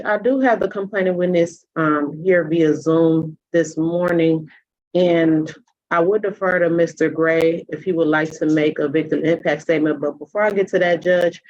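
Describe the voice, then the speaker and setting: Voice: mid-range voice, a little mellow, dry recording. Prosecutor addressing the judge, hesitant with fillers, dry, dull lo-fi audio. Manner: hesitant, many filler pauses. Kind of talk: courtroom argument.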